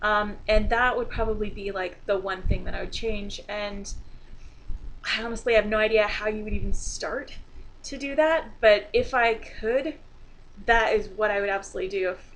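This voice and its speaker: A woman's voice: medium pitch, fairly even intonation, moderate pace, slight background noise, rough recording. A woman hosting a casual chat to her viewers, earnest at times and playful when telling jokes. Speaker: host of a beading video chat.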